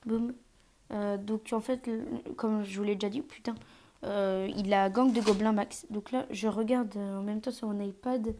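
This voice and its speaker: A woman's voice: mid-range voice, steady tone, moderate pace, warm tone, a little hiss or hum. A woman streaming live gameplay commentary through an earphone mic, hesitant with many fillers and sometimes dropping to a whisper.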